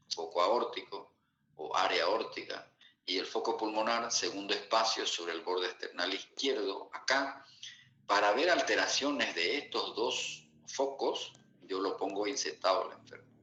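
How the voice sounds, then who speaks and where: A man's voice: deep voice, normal speed, pushed and bright, a little hiss or hum. A man giving a medical lecture to students, often checking in with questions like "are we following?". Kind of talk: classroom lecture. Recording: echoey room, dull lo-fi sound.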